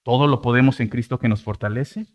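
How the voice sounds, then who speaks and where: A man with a Mexican Spanish accent preaching a sermon as pastor, swinging from loud, rising outbursts to soft, low endings. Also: a little fast.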